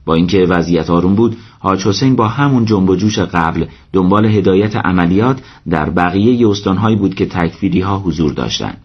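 Deep husky male audiobook narrator. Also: dull audio. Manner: steady, measured storytelling. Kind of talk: scripted narration.

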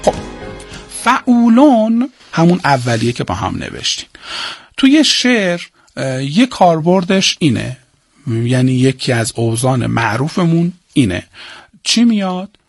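Male teacher, lively pitch, husky voice, dry close sound, chants and dictates to a class. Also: no echo, soft background music. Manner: chants meter syllables slowly and dictates to students. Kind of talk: classroom lesson on Persian prosody.

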